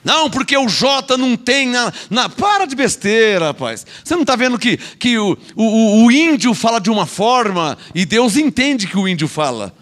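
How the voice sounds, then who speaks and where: A man's voice: very high voice, sing-song, normal speed, few pauses, a bit bright. A man with a Brazilian Portuguese accent preaching a sermon as an apostle, scolding and sarcastic, with mocking asides and repeated words.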